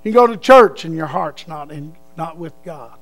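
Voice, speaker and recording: Gravelly high-pitched older preacher man. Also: expressive, moderate pace. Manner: folksy, swings between loud and hushed. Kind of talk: sermon with storytelling and prayer.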